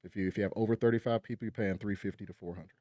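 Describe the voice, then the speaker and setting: Fast-talking upbeat man, dry sound. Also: on the low side, fairly even intonation, mellow, no room sound. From England. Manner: upbeat salesman patter with repeated fillers. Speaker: game show and trivia host. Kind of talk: guest on a casual podcast.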